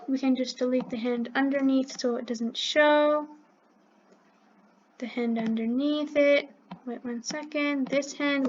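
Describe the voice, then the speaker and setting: High-voiced woman talking through a coding tutorial. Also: highs cut off. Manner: thinks aloud step by step, correcting herself as she clicks. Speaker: channel host teaching coding. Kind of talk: screen-recorded coding tutorial.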